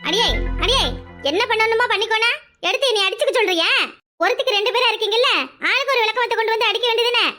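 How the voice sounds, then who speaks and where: A woman's voice: very high-pitched, fast talker, music in the background. A woman voicing a bossy, nagging village mother-in-law in a cartoon, scolding with a Kanyakumari Tamil accent. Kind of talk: cartoon voice acting.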